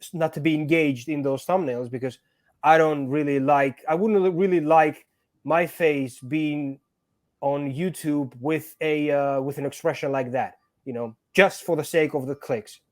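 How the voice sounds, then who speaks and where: Male actor guest, from Georgia by way of Greece, slightly high voice, earnest and repetitive in casual chat. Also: fairly even intonation, measured pace. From born in Georgia, raised in Greece. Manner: earnest, repeats words while finding phrasing.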